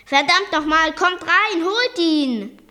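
Reader voicing a loud, indignant storybook grouch, high-pitched and raging. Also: female voice, very animated, slow, full character voice. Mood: angry shouting. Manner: shouting, indignant. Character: angry middle-aged male minigolf owner.

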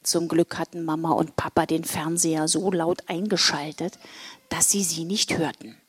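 A woman reading a children's story aloud, with an expressive, varied storytelling delivery. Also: sits low, normal speed, breathy edge. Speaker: story reader.

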